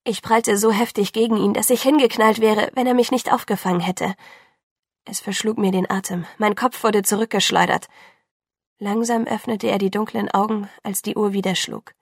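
A woman's voice: mid-range voice, fairly even intonation, moderate pace, creaky, no room sound, clean studio sound. A woman narrating a novel in the first person with intense, breathless storytelling. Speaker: audiobook narrator.

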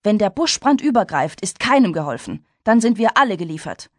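A woman's voice: medium pitch, sing-song, brisk, darkish tone, no room sound, clean studio sound. A woman reading a story aloud, voicing a blunt, scornful young male farmhand in a raised, urgent voice. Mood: insistent.

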